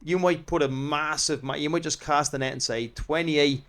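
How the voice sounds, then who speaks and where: Rambling Irish actor telling stories. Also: male voice, fairly high pitch, fairly even intonation, moderate pace, fairly bright tone. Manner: rambling storyteller, self-deprecating. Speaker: guest, actor and comedian. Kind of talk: casual interview chat.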